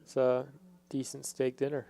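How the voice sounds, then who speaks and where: A man's voice: medium pitch, completely flat delivery, normal speed, creaky, mellow. A man giving casual live poker commentary in a hesitant, thinking-aloud way.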